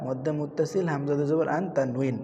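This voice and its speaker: A man teaching Quran reading, patiently spelling out letters and chanting the words in a raised, drawn-out voice. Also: fairly high pitch, warm tone, dull audio. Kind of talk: spelling out and drilling Quran recitation. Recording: reverberant room with faint background noise.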